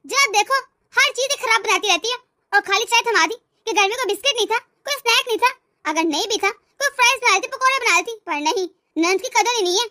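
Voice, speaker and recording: A woman's voice: extremely high pitch, expressive, brisk, sharp tone, dry recording, studio quality, full character voice. A woman voicing a spoiled, whiny young daughter in a cartoon, always complaining. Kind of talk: cartoon voice acting.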